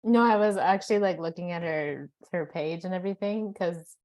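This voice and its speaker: A woman co-hosting a casual podcast discussion, speaking haltingly with "um" and "like". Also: lowish voice, a little mellow. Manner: hesitant, halting with "um" and "like".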